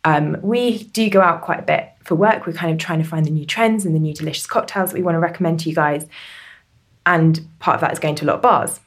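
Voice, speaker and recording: A woman's voice: low-pitched, fast talker, slightly rough. A woman, a drinks writer, chatting playfully as co-host. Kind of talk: casual chat.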